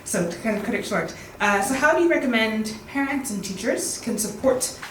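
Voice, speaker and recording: A woman teacher in the audience asking a long, earnest question, with hesitant pauses. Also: a little high, lively intonation, a bit bright. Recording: echoey hall, distant mic, clear background noise.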